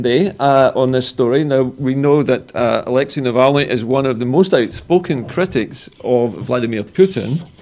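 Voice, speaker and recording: A man's voice: medium pitch, a little mellow. A man with a Scottish accent presenting the news, reading a statement and putting questions to guests, correcting small slips as he goes. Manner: reads bulletin text with small slips and corrections.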